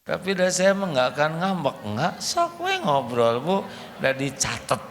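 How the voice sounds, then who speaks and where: A man's voice: fairly high pitch, sing-song, a little slow. An older man preaching a joking sermon in a Sundanese accent, acting out husbands and wives as he teaches. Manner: joking, acts out husband and wife voices. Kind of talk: humorous sermon to a congregation. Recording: hall reverb, faint room noise.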